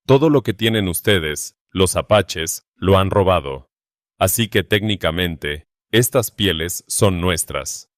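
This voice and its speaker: A man's voice: deep voice, expressive, slow pace, dry recording, studio quality. A man voicing a menacing drunk red-bearded male outlaw in a western story, speaking in a sneering, mocking way.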